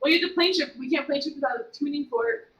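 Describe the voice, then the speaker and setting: A woman's voice: high voice, quick pace, fairly bright tone, dull audio. A woman playing a tabletop game, blunt and foul-mouthed in her remarks. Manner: blunt, swears a lot. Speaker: player. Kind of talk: casual tabletop play.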